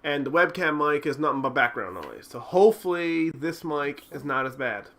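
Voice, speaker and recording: A man's voice: a little high, expressive, moderate pace, fairly bright tone. A man chats casually while co-hosting a game stream, wandering through his points with plenty of filler words. He talks into a desktop condenser mic, and a faint computer fan hum sits under his voice. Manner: chatty, rambling with filler words. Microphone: desktop USB condenser mic.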